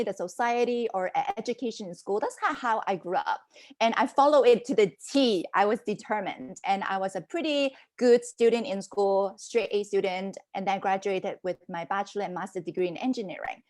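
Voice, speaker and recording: A podcast guest in her forties tells the story of her life in a casual interview, lively and conversational. She works as a business mentor, grew up in Hong Kong and Canada, and speaks at a medium pitch.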